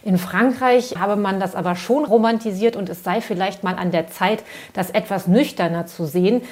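A woman correspondent talks through her analysis in an interview. Her pitch is medium and her phrasing unscripted. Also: normal speed, a little mellow. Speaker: news correspondent. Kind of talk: spontaneous analytical interview answers.

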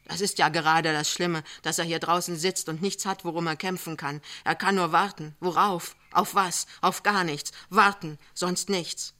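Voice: medium pitch, fairly even intonation, normal speed, hardly any pauses, pushed and bright, lightly acted. A reader voicing an anxious young wife. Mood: bitter. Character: worried young wife, earnest and pleading. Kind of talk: audiobook character reading.

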